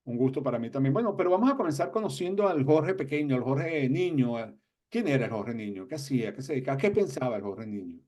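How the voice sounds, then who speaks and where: A man's voice: mid-range voice, expressive, quick pace, a little mellow. A man hosting an interview, greeting his audience and asking his guest a string of questions. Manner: welcoming, asks questions in a row. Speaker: interview host.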